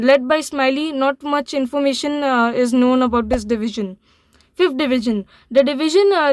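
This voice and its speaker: A woman hosting an anime channel, reading a scripted manga summary, halting, with frequent fillers and restarts. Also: sits high, no echo.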